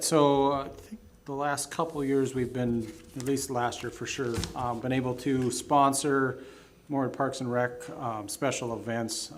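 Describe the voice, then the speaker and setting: A man reports informally at a public meeting. His pitch is average and his phrasing is casual and halting. Light noise is audible behind him. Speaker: staff presenter. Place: public commission meeting room.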